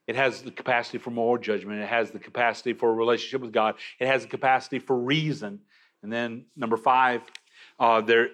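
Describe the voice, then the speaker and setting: A man's voice: mid-range voice, a bit bright. A man preaching a sermon, emphatic, with frequent restarts. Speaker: pastor.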